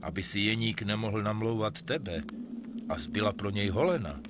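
A man's voice: on the low side, expressive, very noisy, natural voice. A man voicing January, a kindly, solemn old ruler of the months, in a Czech puppet play. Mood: resolute. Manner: stately, measured, commanding. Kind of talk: Czech puppet theatre fairy-tale acting.

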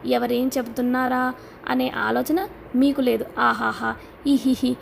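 A woman's voice: high-pitched, normal speed, creaky, a little mellow, slight background noise. A woman reading the part of a defiant man who scornfully harangues a crowd, in an audiobook. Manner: accusing, mocking, relentless.

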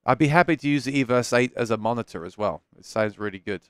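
A man in his thirties talks quickly in a clean, mid-range voice with no room sound while hosting a casual live stream from his small home studio. Using a headset mic, he answers viewer questions candidly, often starting over mid-thought.

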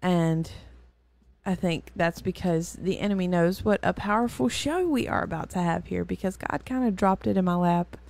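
Chatty, mellow-voiced woman teaching scripture. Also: lowish voice, moderate pace. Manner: chatty and rambling, with many fillers and self-corrections. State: weary. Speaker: host and Bible teacher. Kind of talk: casual Bible teaching.

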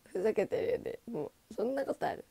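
Young woman streamer chatting w viewers, dry close sound, lively swoopy voice. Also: on the high side, slightly rough, dry recording. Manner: chatty, laughs often, bursts of loud excitement. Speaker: idol livestream host. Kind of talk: casual livestream chat reading comments.

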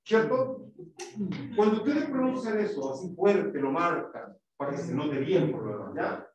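A man's voice: on the high side, animated, measured pace, highs cut off, crowd noise. A male English teacher giving a classroom lesson, explaining step by step, quizzing students and demonstrating sounds. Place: school classroom. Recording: echoey classroom, mic far off.

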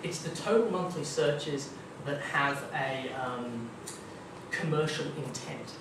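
With a mid-range voice and a slow pace, a young Australian man serves as guest speaker at a marketing meetup. His tech talk is casual and chatty, crowded with ums and kind-ofs, in a dim meeting room with a projector screen, picked up on a far room camera that sounds echoey, distant, and noisy.

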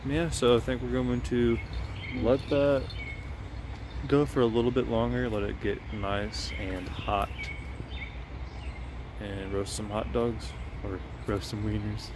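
Low-voiced man vlogging outdoors amid noise. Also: little pitch movement, takes it slowly, long pauses. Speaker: family vlogger, father. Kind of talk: casual vlog chat. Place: outdoors at a campground. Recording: noisy outdoor camcorder-style recording.

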